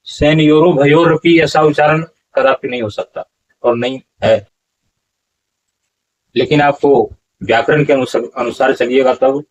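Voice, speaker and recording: Guy explaining how to pronounce verses, drags out the words, keeps correcting, kinda muffled lo-fi sound. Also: medium pitch. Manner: slow deliberate syllable-by-syllable chanting of examples; repetitive, corrective teaching. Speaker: Gita recitation teacher. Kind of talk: explanatory lesson on verse pronunciation.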